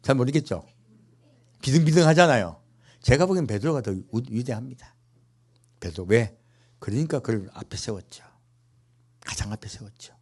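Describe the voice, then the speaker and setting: A pastor preaching a sermon in a church, asking the congregation rhetorical questions, with playful humorous asides. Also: male voice, medium pitch, lively intonation, normal speed, pauses often, darkish tone, slightly rough.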